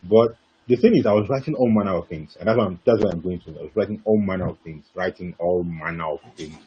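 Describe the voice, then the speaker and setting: A young man telling his story as a webinar guest speaker, animated and repetitive, bursting into laughter. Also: sits low, quick pace, husky. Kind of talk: casual webinar talk. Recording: dull lo-fi webinar audio.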